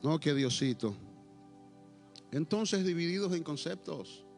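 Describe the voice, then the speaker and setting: A man preaching a Pentecostal sermon to a church congregation, swinging between shouted declarations and low, quiet asides, with a playful teasing streak. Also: expressive, a little slow, vocal fry, soft background music. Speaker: pastor.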